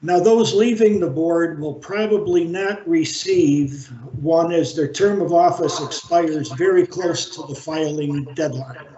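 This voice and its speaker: A man chairing a library board meeting over a video call, speaking in a halting, measured way with frequent fillers. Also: fairly high pitch, mellow. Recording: roomy, dull video-call audio.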